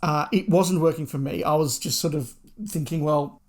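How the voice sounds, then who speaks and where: A man's voice: on the high side, normal speed. A man co-hosting a podcast, talking hesitantly and often restarting his sentences. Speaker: podcast co-host. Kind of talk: casual review chat.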